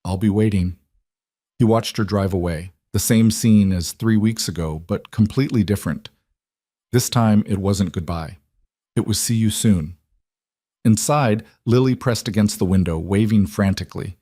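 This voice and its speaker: A man narrates a romance story in a measured, even manner. His voice sits on the low side. The recording is dry, with no room sound. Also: no echo. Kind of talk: scripted narration.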